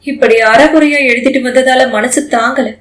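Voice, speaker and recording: A woman's voice: high-pitched, fairly even intonation, moderate pace, a bit bright, rough recording. Woman playing a tearful, guilt-ridden young wife. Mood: distressed. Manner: pleading, tearful.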